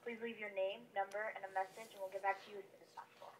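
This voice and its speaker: A woman reading a law office answering machine message in a brisk, rehearsed way, heard over a phone speaker. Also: mid-range voice. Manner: brisk, rehearsed, even delivery. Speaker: law office voicemail greeting. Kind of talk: scripted recorded greeting. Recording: distant speakerphone with faint hiss and clicks.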